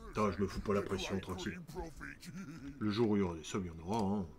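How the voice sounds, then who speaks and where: A deep-voiced man talks fast while streaming a strategy game, offering casual live commentary and chatty joking asides to his viewers. Crowd noise can be heard.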